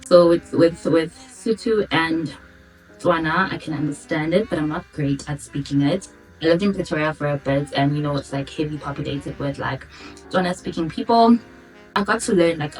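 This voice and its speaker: A 28-year-old South African woman from Durban chatting informally to her viewers in a casual question-and-answer vlog. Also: sits low. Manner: chatty, informal, girl-talk address to viewers. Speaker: vlogger. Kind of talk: casual Q&A chat to camera. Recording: distant mic, background music.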